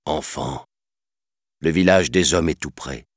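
A man's voice: very deep voice, slow pace, no echo, studio quality, exaggerated voice. A man voicing a stern panther guardian in a storybook reading, speaking in a firm, reproachful way. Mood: grave. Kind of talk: storybook narration.

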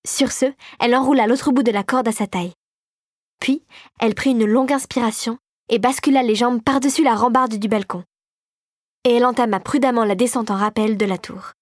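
A woman reading a storybook aloud in a measured, expressive way. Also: a little high, no echo, clean studio sound. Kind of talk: audiobook narration.

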